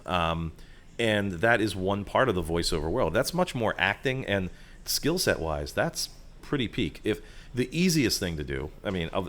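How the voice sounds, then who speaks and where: Deep-voiced man explaining voiceover work. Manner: chatty, many fillers and asides. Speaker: voiceover artist and sound designer, guest. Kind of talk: conversational explaining. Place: restaurant.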